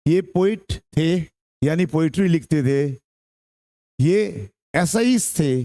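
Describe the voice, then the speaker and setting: A male English teacher with a Bihari Hindi accent lectures slowly and animatedly in a slightly high, dark-toned voice. Drilling pronunciation, he repeats words, mixes in English terms, and checks that students understood.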